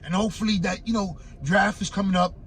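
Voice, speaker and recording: A man hosting his own sports talk show, with a raspy voice and a laid-back, conversational delivery full of fillers. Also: high-pitched, quick pace, a bit bright, soft background music. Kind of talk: casual sports commentary. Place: home in Florida.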